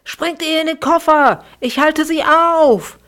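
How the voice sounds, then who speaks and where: A woman reading aloud voicing a bold young boy in a storybook, with bright excited calls. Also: medium pitch, a little slow, pitched above the performer's own voice, natural voice. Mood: urgent.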